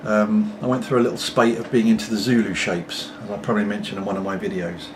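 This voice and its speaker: A man's voice: lowish voice, flat delivery, quick pace. British male vlogger, middle-aged, meandering pipe-in-mouth chat, off-mic and noisy home recording. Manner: talking while puffing on a pipe; meandering, apologetic asides. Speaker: pipe-smoking video blogger. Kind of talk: casual rambling chat to camera. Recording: distant mic, clearly noisy background.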